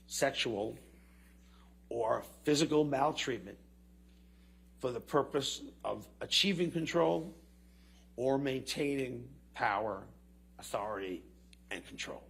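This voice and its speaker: A man giving expert testimony in a courtroom recording, explaining terms in a measured way, listing them one by one. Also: mid-range voice, animated, vocal fry, fairly bright tone, slightly rough. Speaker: expert witness.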